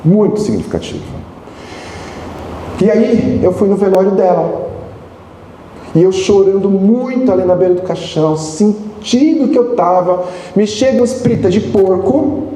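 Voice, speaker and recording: A Brazilian man in his forties giving an emotional storytelling lecture at a spiritist center, with long pauses. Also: sits high, mellow. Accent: Brazilian Portuguese. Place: large hall. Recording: echoey hall, faint noise.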